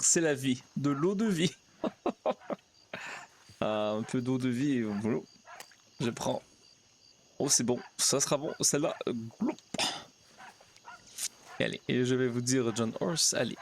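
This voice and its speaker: A man's voice: mid-range voice, measured pace, pauses often, slight background noise. Chatty man voicing a pastor in role-play. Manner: chatty, mutters to himself, jokes, coaxes his horse. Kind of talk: in-character role-play narration.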